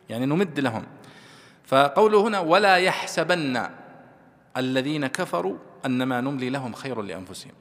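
A man, a scholar explaining a classical commentary to students and stretching out the verses he quotes. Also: medium pitch. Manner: measured, stretches quoted verses slowly and loudly. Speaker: Islamic scholar teaching tafsir. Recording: long reverb of a hall.

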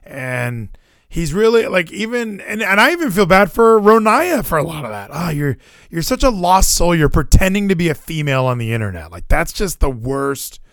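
A man from Hawaii, United States, rambles through a casual sports chat, animated and opinionated and swearing freely. His voice is a little high at a moderate pace, captured in clean studio sound with no echo.

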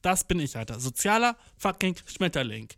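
A man's voice: high-pitched, big pitch swings, normal speed, fairly bright tone, no echo, clean studio sound. A young man telling a rambling comic story in a slangy, swearing manner, dropping English phrases and acting out quotes. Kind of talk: rambling comedic monologue.

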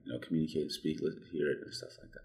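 A young man from Ethiopia, first language Amharic, with a very low, deep voice. He talks haltingly, with frequent restarts and fillers. It is a relaxed interview conversation. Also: vocal fry. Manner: hesitant, many restarts and fillers. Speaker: guest.

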